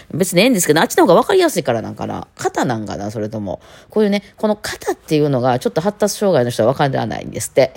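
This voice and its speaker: Fast-talking Kansai woman, very low voice. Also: gravelly, a little mellow. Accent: Kansai Japanese. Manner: chatty, rambling, playful mimicry. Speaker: violinist and podcast host. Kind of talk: casual solo talk.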